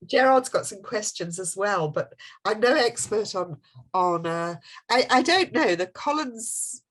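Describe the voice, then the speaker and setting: A woman's voice: mid-range voice, animated, a little slow, a bit bright. A woman speaking as guest lecturer in a video-call Q&A, thoughtful and hesitant, often restarting her sentences. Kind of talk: academic Q&A over video call.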